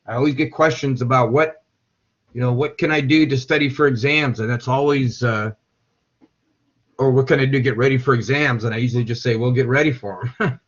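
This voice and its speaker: A man's voice: mid-range voice, fairly even intonation, a little fast. Rambling male teacher, lo-fi recording. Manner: rambling, repeats words, asks students if they follow. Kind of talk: classroom lecture. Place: classroom. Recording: dull lo-fi classroom recording.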